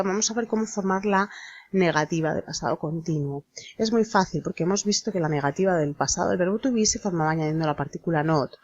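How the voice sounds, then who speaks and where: Slow, careful woman teaching. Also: deep voice, dull audio. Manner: slow, deliberate, spells out letters. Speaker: English teacher. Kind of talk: explanatory grammar lesson.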